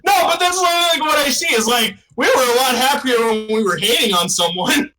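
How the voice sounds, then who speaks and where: A man's voice: extremely high pitch, animated, normal speed, bright, forceful tone, faint music behind, poor audio. A man in his thirties co-hosting a comedy podcast, rambling through jokes and mocking himself in casual banter. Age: 30s. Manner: rambling, joking, self-mocking. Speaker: podcast co-host.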